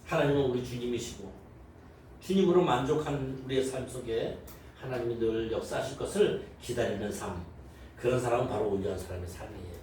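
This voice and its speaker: A man's voice: medium pitch, brisk, a little mellow. Male pastor preaching in an echoey sanctuary. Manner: interactive preaching, quizzing the congregation, acting out worldly reactions. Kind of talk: sermon. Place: church sanctuary. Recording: very echoey hall, voice from far off, faint noise.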